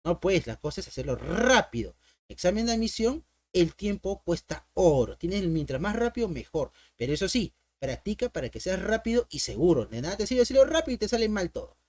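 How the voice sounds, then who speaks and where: A man's voice: sits high, sing-song, a little fast, no room sound. A man teaching an online math lesson in a playful, coaxing way. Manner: playful, coaxing, talks to viewers and imagined students.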